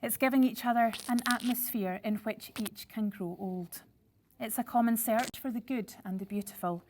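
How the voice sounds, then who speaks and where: A woman leading a vow renewal ceremony, speaking in a measured, formal way. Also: on the high side, noisy background. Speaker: wedding celebrant. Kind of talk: ceremony address.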